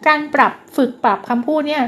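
A middle-aged woman teacher giving parenting advice in a gentle, patient way, full of polite particles. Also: fast. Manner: gentle, acts out example parent dialogue, frequent polite particles. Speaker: child development teacher.

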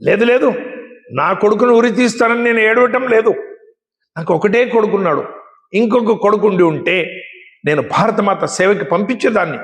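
A man voicing a grieving yet proud mother of a condemned son, speaking with a raised, emphatic pitch. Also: moderate pace, long pauses, close to an everyday voice. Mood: defiant, proud. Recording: echoey hall.

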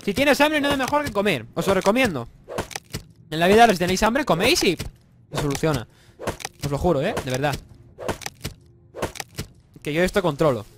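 A young Spanish man talks over his game in a fairly high voice that leaps up and down. He jokes, swears and breaks into yells, sounding a little congested from a cold. Faint noise sits under his home-mic recording. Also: normal speed, pauses often. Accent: Spanish from Spain. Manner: excitable, swearing, joking, bursts into yells. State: slightly congested, sore throat. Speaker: gaming YouTuber. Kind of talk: casual let's-play commentary.

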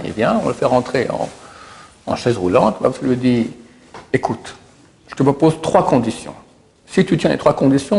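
A man teaching a religious class, telling miracle stories and acting out the quoted voices with sudden loud high bursts. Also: vocal fry. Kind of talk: storytelling Torah class.

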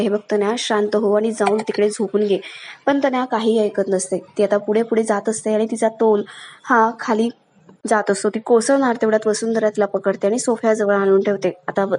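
A woman narrating a recap of a TV serial episode in a steady storytelling manner, reading out the characters' lines as she goes. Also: medium pitch. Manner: steady storytelling, voicing the characters' lines without big changes.

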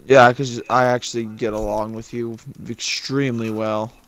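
A man's voice: medium pitch, flat delivery, normal speed. A man recording himself gaming with a friend, laid-back and teasing in casual banter.

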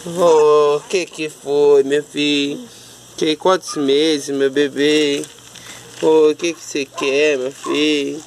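A woman's voice: little pitch movement, slow pace, slight background noise. A woman with a Brazilian Portuguese accent filming puppies at home outdoors and talking to them in cooing baby talk. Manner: cooing baby talk to puppies, sudden high pitch jumps. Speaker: pet owner filming puppies. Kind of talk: casual home video.

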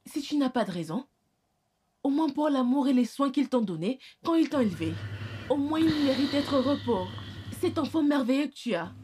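A woman's voice: high voice, lively intonation, normal speed, noisy background. A middle-aged woman voicing a motherly caregiver who talks soothingly and reassuringly, in a French film dub. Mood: gentle.

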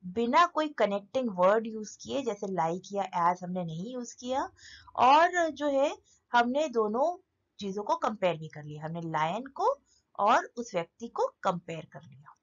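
A woman teaching literary terms in an online lesson, explaining slowly and spelling out examples word by word, speaking. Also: on the high side, very animated. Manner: mixes Hindi explanation with English terms. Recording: dull lo-fi audio.

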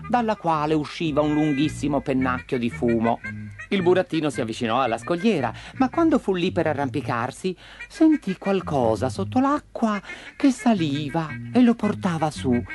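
A man narrating a children's story in an expressive, lively way. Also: fairly high pitch.

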